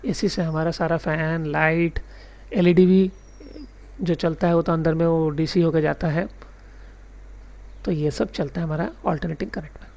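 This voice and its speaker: A man teaching a recorded electronics lesson, explaining step by step and reading out English definitions slowly. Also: fairly high pitch, steady tone, creaky, a little mellow. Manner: mixes English technical terms into his speech. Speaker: electronics tutor.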